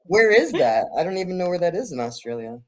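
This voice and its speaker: A woman co-hosting a livestream in casual chat, giggly and talking in quick bursts full of fillers. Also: fairly low pitch, very animated. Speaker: livestream co-host.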